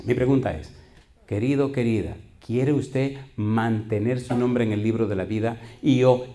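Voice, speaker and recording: A middle-aged pastor preaches a sermon in a mid-range, dark voice. He poses call-and-response questions to the congregation and tells folksy stories, acting out quoted voices.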